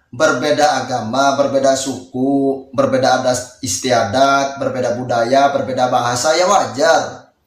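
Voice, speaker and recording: A man's voice: fairly high pitch, a bit bright, reverberant. A man from Indonesia, an Islamic cleric, giving a heated rebuttal speech in a mocking, scolding way and repeating phrases for emphasis.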